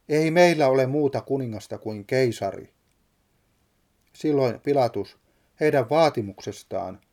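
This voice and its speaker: A man's voice: mid-range voice, mellow. A man solemnly reading a Bible passage and preaching on it, stressing the quoted lines with drama.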